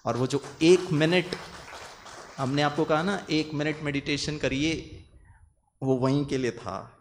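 A man with a slightly raised pitch gives a meditation talk to a listening audience. He speaks earnestly and keeps repeating his key phrases for emphasis. He drops English words into his sentences as he goes. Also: steady tone, slow pace, slight background noise.

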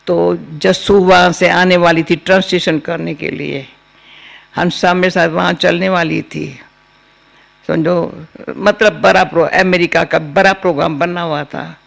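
An older woman giving a spiritual discourse, telling personal stories in a slow, homely way. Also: fairly low pitch, steady tone, vocal fry. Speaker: spiritual teacher.

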